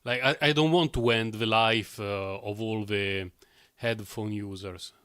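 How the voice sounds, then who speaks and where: A man's voice: on the low side, steady tone, measured pace, fairly bright tone, clear, resonant tone. A man chatting casually while live-streaming video games, rambling and often chuckling to himself. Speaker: game streamer.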